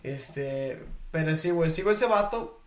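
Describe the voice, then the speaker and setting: A man with a Mexican accent in casual podcast chat, slangy and quick to laugh. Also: on the high side, animated. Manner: slangy, laughing, quotes people in acted voices. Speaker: podcast co-host. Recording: echoey room.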